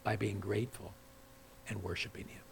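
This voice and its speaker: A man preaching a sermon as pastor, dropping to quiet asides and then rising loud and high when he reads scripture aloud. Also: flat delivery, moderate pace, gravelly, breathy edge. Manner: swings from hushed asides to loud, high-pitched emphatic scripture reading.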